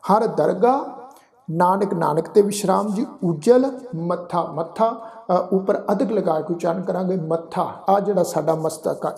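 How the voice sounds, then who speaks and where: A man with a high, gravelly voice leads a recitation lesson, chanting verses at an unhurried pace before explaining how each word is pronounced. His voice carries an echo, as if from an echoey room. He speaks to his listeners politely, as a congregation. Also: warm tone. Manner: chants verses slowly, then explains pronunciation; addresses listeners respectfully as congregation. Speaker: teacher of scripture recitation. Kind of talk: line-by-line scripture recitation lesson.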